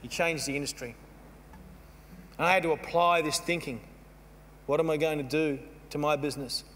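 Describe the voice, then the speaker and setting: A man giving a storytelling keynote speech, animated and mocking as he acts out scenes. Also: a little high, normal speed. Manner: animated, mocking, playfully acts out quoted voices. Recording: long hall reverb with faint hum.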